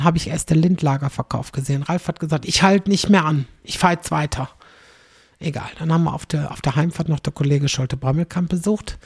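Woman, comedian, chatty rambling monologue, gravelly voice, mellow tone. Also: low-pitched, dry recording, clean studio sound. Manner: chatty, rambling, tag questions "ne?". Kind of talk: casual storytelling monologue.

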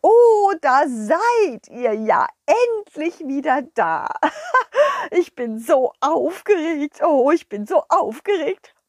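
A woman's voice: very animated, slow, dry recording, studio quality, exaggerated voice. Woman doing a giddy, squealing fairy-tale king. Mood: excited. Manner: giggly, high and breathless, apologizing constantly. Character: excitable flustered fairy-tale king, male, jittery, flatulent. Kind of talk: children's audio story acting.

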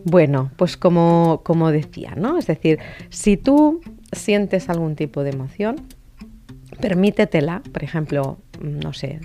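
A woman's voice: low voice, expressive, a little slow, mellow, faint music behind. A middle-aged woman talking casually and reflectively about emotions, musing as she goes. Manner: reflective, many fillers and restarts.

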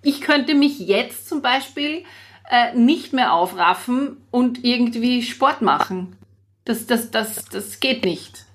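A woman's voice: fairly high pitch, animated, slow pace, slight background noise. A middle-aged woman, a singer, chatting casually and explaining things at length, often repeating words as she thinks. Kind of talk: casual chat.

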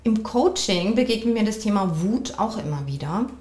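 A woman coach and couples therapist hosting her own podcast, speaking in a measured, reflective way and often affirming herself with a soft "ja". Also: medium pitch, lively intonation, roomy sound. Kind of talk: calm solo podcast talk.

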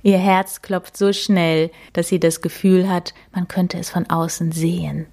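A woman reading a children's storybook aloud in a gentle, expressive, half-whispered way. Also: on the low side, unhurried.

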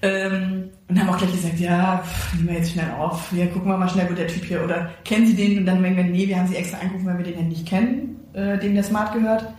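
A woman's voice: on the low side, quick pace, hardly any pauses. A woman co-hosting a podcast, telling a story casually and acting out the quoted lines of other people. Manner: lively storyteller who acts out quoted dialogue. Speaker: podcast co-host. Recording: very echoey room.

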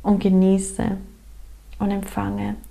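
A woman leading a guided meditation, speaking directly to the listener in gentle instructions and repeated invitations. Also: medium pitch, monotone, slow, vocal fry, poor audio.

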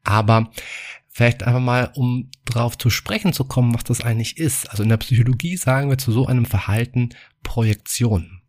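A man hosting a self-help podcast, telling a story and explaining psychology in a relaxed, chatty way. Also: mid-range voice, brisk. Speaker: podcast host, psychology coach.

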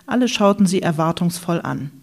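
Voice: medium pitch, lively intonation, a little fast, gravelly. An audiobook reader narrating a satirical novel in a dry, ironic manner.

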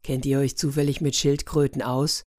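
A woman's voice: rumbling low, flat delivery, normal speed, a little mellow. A woman voicing a grumpy, sarcastic man trapped in a turtle's body, in a storybook reading. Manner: irritable, sarcastic.

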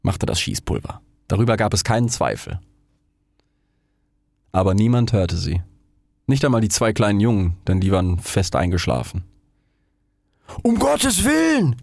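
A man reading a fairy tale aloud in a theatrical, expressive way. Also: deep voice, normal speed, vocal fry, no echo, clean studio sound. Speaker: storyteller.

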